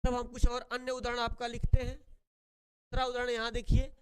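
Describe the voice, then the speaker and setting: A man's voice: very high voice, completely flat delivery, normal speed, a bit bright, clean tone. A man teaching Sanskrit grammar in a classroom-style lesson, who asks and answers his own questions and repeats key words. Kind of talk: classroom lesson explaining rules.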